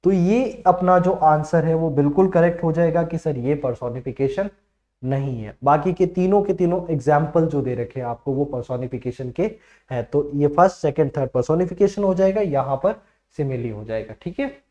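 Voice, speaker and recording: A high-voiced man with a dark, mellow tone explains exam questions as a tutor, slowing right down to read each example aloud. The sound is dull and echoey, like a room recording. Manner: explains in Hindi, reads English examples slowly. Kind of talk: exam-prep lesson.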